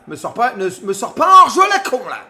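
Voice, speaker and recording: A man streaming live, reacting to a football match and yelling at the players like a coach. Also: very high-pitched, brisk, roomy sound, a little hiss or hum. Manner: yells at players like a coach, excitable.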